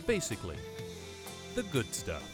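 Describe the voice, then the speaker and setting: Animated male podcast narrator over music. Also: mid-range voice, normal speed. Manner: dramatic, irreverent. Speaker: podcast host. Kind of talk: scripted history storytelling narration.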